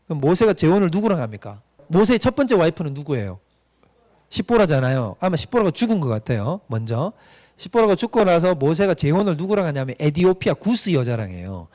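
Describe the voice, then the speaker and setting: A man's voice: on the high side, very animated, fast, darkish tone. A man, a pastor, giving a doctrine lecture and retelling a story with questions to the audience.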